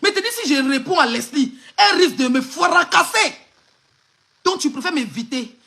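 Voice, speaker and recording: High, sharp-voiced Ivorian woman ranting. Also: animated, moderate pace, gravelly. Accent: Ivorian French. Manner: insulting, mocking, laughs between jabs. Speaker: live-stream host. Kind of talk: angry live-stream rant.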